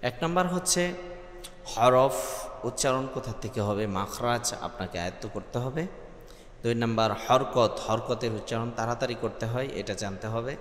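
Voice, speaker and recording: A man teaching Quran recitation step by step, spelling out letters one by one and breaking into loud, high melodic chanting for the verses. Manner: spells out letter by letter, with drawn-out filler sounds. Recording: echoey room with long reverb.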